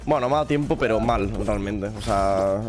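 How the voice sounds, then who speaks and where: This gaming YouTuber, a young Spaniard with a Spain Spanish accent, chats cheerfully to his viewers at a moderate pace while playing, still fighting a lingering cough. He's at home in a gaming room with shelves of figures, headset on and a studio mic on a boom arm, with music in the background.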